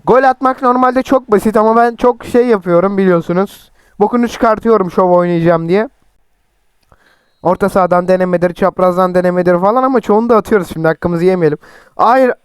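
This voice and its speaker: Hoarse young man, high voice. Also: brisk, dry recording. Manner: chatty, teasing, shouts at players. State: sore throat, voice cracking. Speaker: mobile football gameplay streamer. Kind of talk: excited gameplay commentary.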